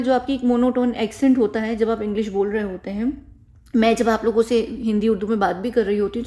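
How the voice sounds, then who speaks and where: A mellow-voiced woman giving easygoing commentary. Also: fairly high pitch. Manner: chatty and explanatory, checks in with "okay" tags; frequent self-corrections and restarts. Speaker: video commentator. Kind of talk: casual spoken commentary to camera.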